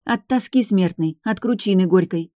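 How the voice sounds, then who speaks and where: A woman voicing a fiery, quick-tempered young firebird maiden in an audiobook reading, with shrill scolding outbursts. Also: warm tone, no room sound, clean studio sound, lightly acted. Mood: earnest.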